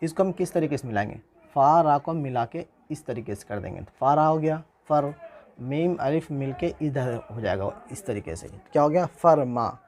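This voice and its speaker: A man with a fairly high voice gives a patient spoken lesson on writing. He spells each word out letter by letter, then says the whole word again, often more than once. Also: expressive, darkish tone. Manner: slow spelling out letter by letter, repeating words. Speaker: Urdu writing teacher.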